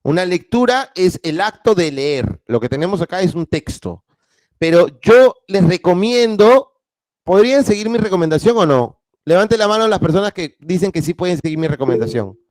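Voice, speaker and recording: A male teacher giving a class, asking his students questions and reading a story aloud with lively expression. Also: sits high, normal speed, no room sound. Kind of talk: online class lecture with read-aloud.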